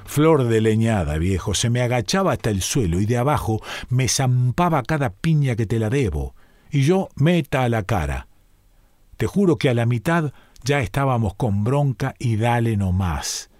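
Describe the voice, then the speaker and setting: A man's voice: mid-range voice, big pitch swings, moderate pace, a little mellow, no echo, clean studio sound. Rioplatense man reading a musing monologue. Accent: Rioplatense Spanish. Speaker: reader performing a monologue. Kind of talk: dramatic first-person story reading.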